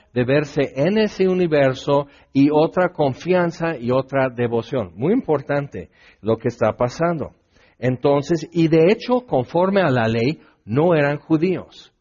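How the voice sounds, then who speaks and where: A man, teaching the Bible in a lively, conversational way and talking straight to the listener. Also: a little high. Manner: animated, talks straight to the listener with many fillers. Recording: dull lo-fi recording.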